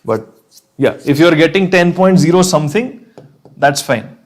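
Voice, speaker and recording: A man's voice: a little high, animated, normal speed. A man with an Indian accent teaching a live online chemistry lesson, encouraging and reassuring students, often checking in and slipping Hindi phrases into his English.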